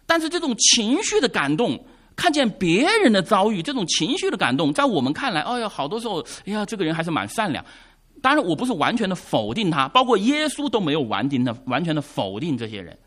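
A man preaching a sermon, who asks the congregation questions and answers them himself, rising to emphatic lines and dropping to quiet asides. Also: high voice, sing-song, fast. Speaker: pastor.

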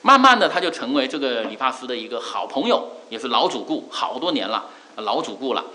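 A middle-aged male preacher giving a sermon, earnest, repeating key phrases with drawn-out fillers. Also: mid-range voice, very animated, sharp tone, low-quality recording.

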